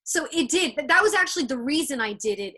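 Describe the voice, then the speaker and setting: A woman's voice: sits high, lively intonation, quick pace, bright, forceful tone. A woman hosting a casual interview, chatting eagerly and telling stories over a video call. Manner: enthusiastic, chatty storyteller. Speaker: interview host.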